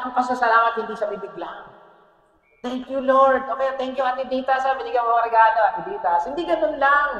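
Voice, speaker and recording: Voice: medium pitch, a bit bright, lo-fi sound. Joking middle-aged preacher in echoey hall. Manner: jokey, keeps asking the congregation "Amen?"; mixes English phrases into speech. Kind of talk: Taglish sermon. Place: church service hall. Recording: echoey hall with long reverb.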